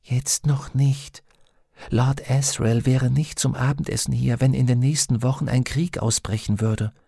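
Brief: proud, sulky male animal daemon, voiced by a man, superior and scolding, gravelly, dry sound. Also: mid-range voice, steady tone, measured pace, mellow, no room sound, voice pushed up. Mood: calm.

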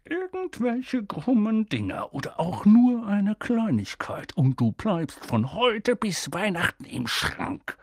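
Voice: mid-range voice, wildly swooping pitch, slow, few pauses, dry recording, studio quality, voice pushed up, heavily acted. Narrator doing a blustering threatening uncle. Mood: menacing. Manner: gruff and threatening. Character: blustering red-faced uncle, a man.

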